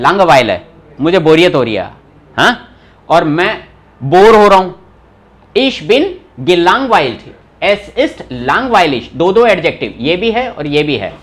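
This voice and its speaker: A man's voice: on the high side, fairly bright tone. A young man teaching a German class in casual Hindi mixed with English, explaining word meanings, quizzing students by name and teasing them when they forget. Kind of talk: live online class teaching.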